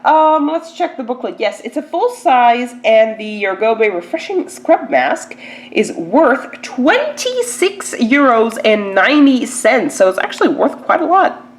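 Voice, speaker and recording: In an unhurried, sing-song voice pitched fairly high, a woman with a cold chats to camera as she unboxes a beauty box. Her talk is loaded with "like" and "um," and slight background noise sits behind her.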